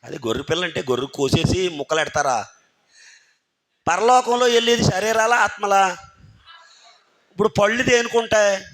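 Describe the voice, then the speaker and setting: A man's voice: high-pitched, a bit bright. A man preaching a sermon in a church, firing rhetorical questions at the congregation and urging them to think carefully. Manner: keeps firing rhetorical questions at the congregation and calling on listeners by name. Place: church hall.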